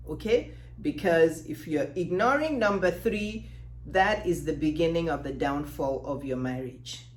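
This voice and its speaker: Passionate Yoruba-accented Nigerian woman, low-pitched. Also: darkish tone, slight background noise. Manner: passionate, emphatic, with repeated rhetorical questions. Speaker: dating advice coach and host. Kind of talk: direct-to-camera advice talk. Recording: roomy, echoing sound.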